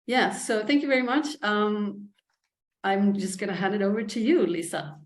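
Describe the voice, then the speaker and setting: A woman's voice: mid-range voice, moderate pace. A woman hosting an online event, giving an informal, unscripted introduction and often searching for her words. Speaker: event host introducing the speaker. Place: online video call.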